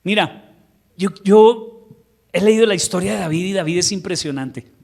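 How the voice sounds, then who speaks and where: A male pastor delivers a sermon in a church. He tells the story in a lively, humorous way, and his voice sits somewhat high for a man. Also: normal speed, gravelly. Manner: animated storytelling, acting out quotes with humor.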